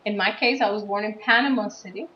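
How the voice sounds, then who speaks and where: A woman in her thirties, a teacher from the USA, giving a writing lesson and explaining slowly and patiently, stressing key words. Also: mid-range voice. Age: 30s. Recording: dull, roomy recording with faint background noise.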